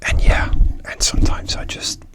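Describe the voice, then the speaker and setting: A person whispering a gentle ASMR pep talk, confiding and a little hesitant, close to the microphone. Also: moderate pace. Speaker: ASMR video host.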